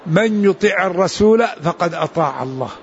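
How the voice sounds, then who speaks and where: High-voiced man giving a religious lesson. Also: lively intonation, dull audio, slight background noise. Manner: explanatory, unhurried, with restarts and asides. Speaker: Islamic scholar.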